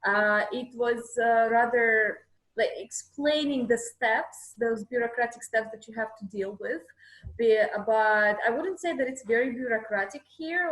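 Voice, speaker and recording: A woman's voice: fairly high pitch, a bit bright, echoey room, poor audio. Woman from kyrgyzstan, guest, candid, matter-of-fact, video call. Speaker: guest, shop owner.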